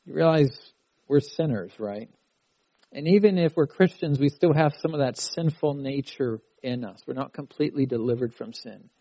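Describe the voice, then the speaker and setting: At a youth conference in a conference hall, a middle-aged man delivers a sermon in a conversational way, imitating the cries of a frustrated child. His mellow, medium-pitched voice moves at a normal speed, captured in a dry, lo-fi recording.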